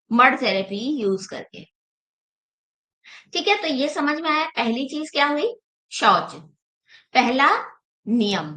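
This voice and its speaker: A woman's voice: high voice, sharp tone. A woman yoga teacher giving an online class, explaining patiently and asking rhetorical questions.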